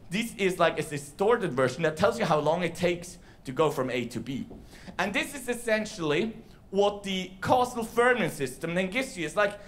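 A science slam presenter from Switzerland gives a live talk to an audience from a large, dark theater stage, holding a handheld mic. His high voice is a bit bright, and his delivery is casual and explanatory, sprinkled with fillers.

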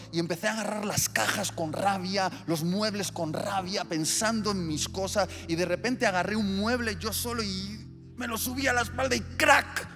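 Preacher in a reverberant hall. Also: male voice, high voice. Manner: vivid storytelling with acted-out scenes. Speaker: pastor. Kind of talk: sermon. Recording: long hall reverb with soft music.

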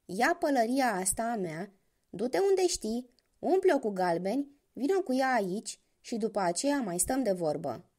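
A woman voicing a clever young male hunter in a spoken fairy tale, calm, sly and commanding. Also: a little high.

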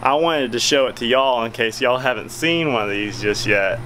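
A man's voice: medium pitch, moderate pace, fairly bright tone, slight background noise, low-quality recording. A man, giving a chatty, folksy product review outdoors on a covered backyard patio, filming with a handheld camera at arm's length. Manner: chatty, filler-heavy, folksy. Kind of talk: casual product review vlog.

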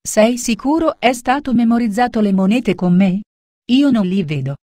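A woman voicing a proud, quick-tempered male merchant in a storybook tale, accusing at first and humbled later. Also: on the high side, animated, mellow, dry recording, studio quality, pitched above the performer's own voice. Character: proud angry male merchant who loses his coins.

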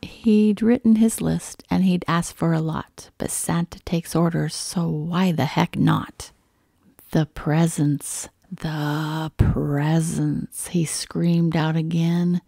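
A woman hosting a children's picture-book read-aloud, gentle and expressive, often slipping into a whisper. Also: on the low side, unhurried, creaky, few pauses, no echo, studio quality.

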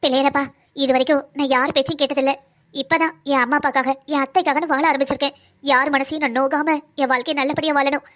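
A woman's voice: high-pitched, fairly even intonation, fast. A young woman voicing a patient, hurt pregnant wife in a cartoon drama, speaking earnestly. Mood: praying. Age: young adult. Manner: soft, earnest pleading.

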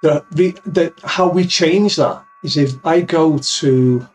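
With a fairly high voice and a slow pace, a man in his fifties demonstrates software in a plain, step-by-step amateur radio tutorial, talking to his viewers as "guys." Soft music plays underneath; he's recording close on a boom-arm mic with a pop filter in a small, crowded home office.

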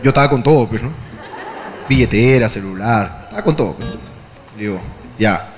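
A man with a Peruvian accent, hosting a comedy podcast, telling a crude story in an animated way, dropping tag questions all the time. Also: mid-range voice, fairly quick, long reverb tail, music in the background. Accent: Peruvian Spanish.

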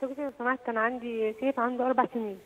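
A woman's voice: fairly high pitch, fairly even intonation, rapid-fire. A woman with an Egyptian Arabic accent calling in as a mother, describing her son's symptoms with concern over the telephone. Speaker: caller, mother. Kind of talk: phone-in question. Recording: tinny phone line.

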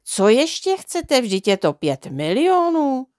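A woman's voice: sits high, sing-song, a little mellow, dry recording, clean studio sound, voice pushed up. A woman voicing a sly, persuasive male swindler, drawing her words out sweetly as she reads a children's storybook. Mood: coaxing.

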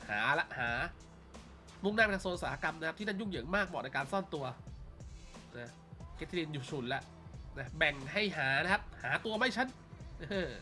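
A high, bright-toned man from Thailand talks through a mobile game in a relaxed, chatty way. He keeps padding his sentences with polite fillers as he reads the story out. Faint game music runs underneath. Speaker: game YouTuber and commentator. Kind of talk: casual gameplay commentary and story reading.

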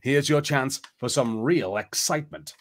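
A man hosting a live stream, switching between casual chat and expressive storybook read-aloud narration. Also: medium pitch, moderate pace. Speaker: host of a live gamebook stream.

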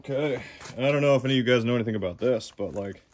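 A man's voice: medium pitch, very fast, slight background noise. A man giving casual commentary to himself as he digs through boxes in a cluttered storage locker. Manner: mutters to himself while digging through boxes. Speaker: reseller vlogger.

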